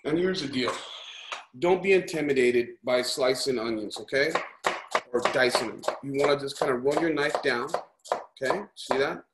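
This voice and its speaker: A man of medium pitch and moderate pace demonstrates dishes in a casual cooking class. Upbeat and encouraging, he chats freely and checks in with listeners, tossing out "right?" and "okay?"; the room echoes, with noise behind him.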